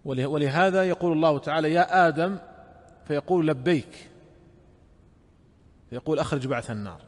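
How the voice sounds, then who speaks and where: A man giving a religious lesson, explaining each phrase slowly and repeating key words. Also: a little high. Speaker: Islamic scholar. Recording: long hall reverb.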